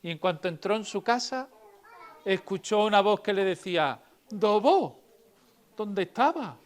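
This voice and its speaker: A woman storyteller reading and telling tales to children in a library, lively and asking them questions. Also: mid-range voice, normal speed, smooth.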